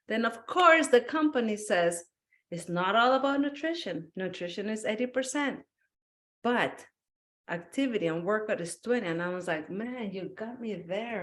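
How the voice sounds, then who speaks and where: Animated woman telling a story. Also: mid-range voice. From Peru. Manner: animated storyteller, acts out quotes, laughs often. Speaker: guest, wellness business owner. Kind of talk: casual interview chat.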